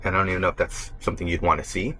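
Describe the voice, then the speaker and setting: A man's voice: low voice, little pitch movement, rapid-fire, bright, forceful tone, slight background noise. Chatty young man vlogging over a burger. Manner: chatty, eating between sentences, talking with mouth full. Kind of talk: casual vlog talk to camera while eating. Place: burger restaurant.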